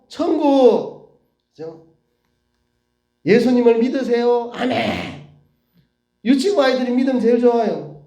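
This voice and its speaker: Brief: lively male preacher, warm tone, reverberant sanctuary. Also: high voice. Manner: animated, acts out quotes, frequent rhetorical tag questions. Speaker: pastor. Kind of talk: sermon. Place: church sanctuary.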